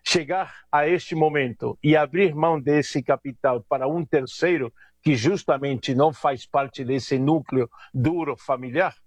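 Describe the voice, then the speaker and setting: A man from Argentina giving measured, analytical political commentary as an interview guest, often hesitating, speaking from home over a video call. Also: on the high side, no room sound.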